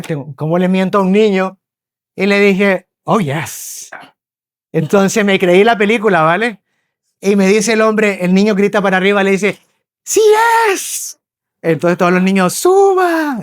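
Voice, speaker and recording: A man from Spain preaching a sermon, telling lively stories, acting out voices and often checking in with his listeners. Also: high voice, no echo, studio quality. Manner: animated storyteller, acts out voices, checks in with listeners. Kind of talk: sermon with storytelling. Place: church hall.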